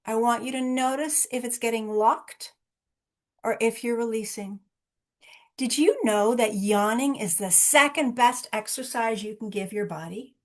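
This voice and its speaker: A woman leading a wellness session over a video call, with a calm, instructing manner, speaking directly to her listeners. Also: fairly high pitch, unhurried. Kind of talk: guided relaxation and live workshop talk.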